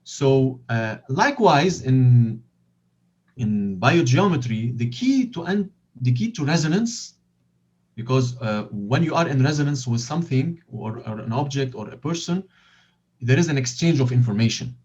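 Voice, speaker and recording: A man who is not a native English speaker, explaining his field as an interview guest in a halting way, searching for words and repeating phrases, over compressed audio. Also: medium pitch, expressive, a little mellow, slightly rough, highs cut off.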